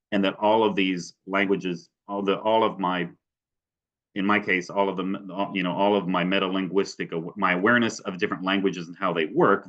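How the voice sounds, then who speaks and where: A West Virginia man presents an academic webinar talk in a low, slightly bright voice, and the audio sounds dull. He hedges a lot with fillers such as "sort of" and "kind of" and often restarts his sentences.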